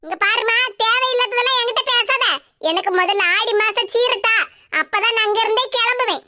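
Squeaky defiant young daughter. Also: female voice, brisk, very noisy. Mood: demanding. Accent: Tirunelveli Tamil. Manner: defiant and demanding.

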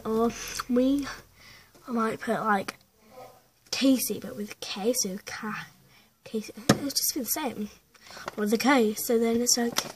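A woman's voice: fairly high pitch, slight background noise. A young girl, around ten years old, chatting through a rambling, stop-start life-update vlog at home, with many fillers. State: out of breath. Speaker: vlogger. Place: at home indoors.

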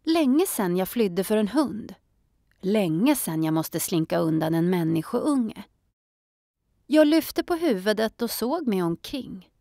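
A woman narrating a children's audiobook in a calm storytelling manner. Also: medium pitch, gravelly, no echo, clean studio sound.

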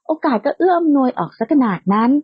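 A woman's voice: high-pitched, very animated, fast, slightly rough, no echo, full character voice. A woman voicing a bold, playful young woman who likes to tease, in a lightly lo-fi, dry recording. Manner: playful and outspoken, bright and teasing.

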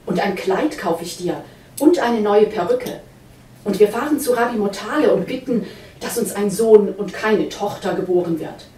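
A woman's voice: medium pitch, animated, moderate pace, dark tone, natural voice. A woman voicing a naive, trusting young innkeeper's wife who asks earnest, childlike questions, in a roomy hall from a distance. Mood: eager naive.

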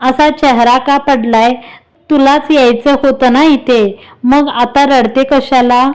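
A woman's voice: sits high, fairly even intonation, slow, a little mellow, clean tone, low-quality recording. A woman voicing a teasing, affectionate young husband in a read-aloud story. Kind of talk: storybook reading.

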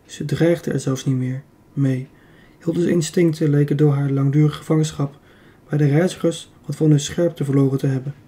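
A man narrating a children's adventure audiobook in a steady, even reading. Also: on the high side, normal speed. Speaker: audiobook reader. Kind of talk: storybook narration.

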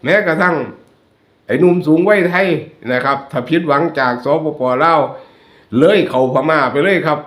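A man's voice: a little high, normal speed, a bit bright. A man with a Northeastern Thai Isan accent, hosting his channel and chatting jokingly with viewers over photos. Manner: chatty, joking, addresses viewers as brothers and sisters. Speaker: YouTube channel host. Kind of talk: casual commentary over photos. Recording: roomy echo.

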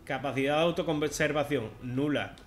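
A man with a Spanish accent from Spain, giving chatty, sarcastic let's-play commentary with sudden loud outbursts. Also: a little high, normal speed, slight background noise. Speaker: gaming video host. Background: game music.

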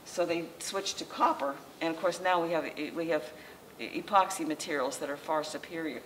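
An older woman with a low, unhurried voice and fairly bright tone, president of the local historical society, gives an informal slideshow lecture to a small audience indoors in a library meeting room. She speaks conversationally, halting with frequent restarts and fillers. The masked speaker is picked up at a distance by a camera mic, with faint room noise beneath.

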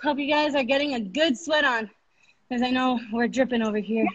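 A woman's voice: high-pitched, steady tone, a little fast, highs cut off. A woman co-hosting a live workout from her home garage over a video call, breathless and joking about the effort. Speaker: workout co-host. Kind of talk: casual chat during a workout.

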